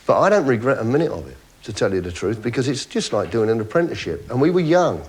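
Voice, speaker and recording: A man's voice: on the low side, very animated, fast talker, heavy background noise. An older man talking casually as a guest on a talk show. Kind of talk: casual chat.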